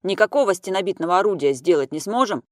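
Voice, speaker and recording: A man's voice: high voice, expressive, fast, no room sound, clean studio sound, voice pushed up. A man voicing a bossy older man who gives orders in a commanding tone.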